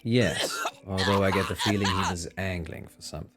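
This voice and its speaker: Man playing a deep, suave radio confessor. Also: steady tone, fairly quick, heavy background noise, close to an everyday voice. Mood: dry, calm. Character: suave, mock-priestly male late-night radio confessor. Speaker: radio host. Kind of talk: dramatic game dialogue, late-night radio show.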